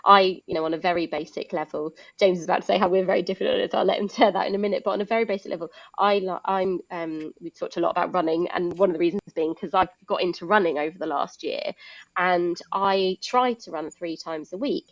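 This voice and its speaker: A woman's voice: lowish voice, fairly even intonation, fast, no room sound, highs cut off. A woman speaking as a guest in a live online talk, chatty and explanatory with many fillers. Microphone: video call.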